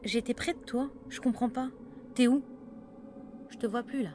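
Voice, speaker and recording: A woman voicing a jumpy female soldier in an amateur horror audio drama, with quick, teasing banter. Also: fairly high pitch, a little mellow, slight background noise, lightly acted. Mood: panicked.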